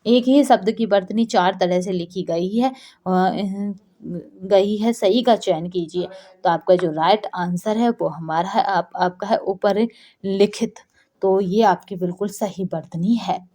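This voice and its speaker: A woman's voice: mid-range voice, unhurried, mellow. A woman teaching an exam-prep lesson, working through answers step by step and posing questions she answers herself. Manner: explains step by step, keeps asking and answering her own questions. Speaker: Hindi teacher.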